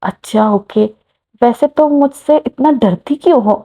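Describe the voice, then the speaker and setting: A woman's voice: on the high side, measured pace, warm tone, husky. Woman voicing a teasing young man. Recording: muffled lo-fi recording.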